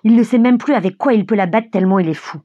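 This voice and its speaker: Brief: woman audiobook narrator, husky, expressive, dry close mic. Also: mid-range voice, quick pace, no echo, lo-fi sound. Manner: vivid, expressive storytelling.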